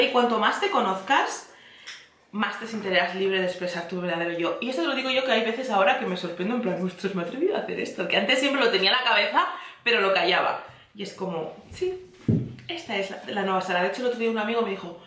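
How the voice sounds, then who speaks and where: A woman's voice: on the high side, pushed and bright. A woman podcast host giving a candid, confiding motivational talk. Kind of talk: motivational self-help talk. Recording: echoey room.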